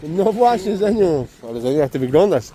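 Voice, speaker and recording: A man's voice: on the high side, sing-song, brisk, a crowd in the background. A man hosting his own vlog as a tow truck driver, telling rambling stories in a casual way and swearing freely. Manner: rambling, swears freely, calls listener "chłopie". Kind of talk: casual storytelling to camera.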